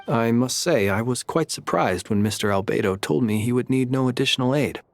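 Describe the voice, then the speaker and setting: A man's voice: mid-range voice, a little fast, soft background music, lightly acted. An actor playing a formal, courteous grown man in a video game.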